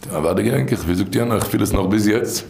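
A man's voice: quick pace, creaky, darkish tone, a little hiss or hum. Man rambling through an old rabbinic tale. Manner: rambling, many restarts and repeats, swings between low murmurs and high bursts. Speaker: storyteller. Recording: roomy echo.

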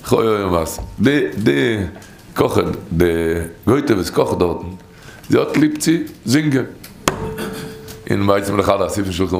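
A man tells a story and teaches from a midrash, wandering and repeating as he goes. His voice is gravelly and sits at an ordinary middle pitch. A faint noise runs beneath it. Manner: rambling, repeats phrases and restarts often.

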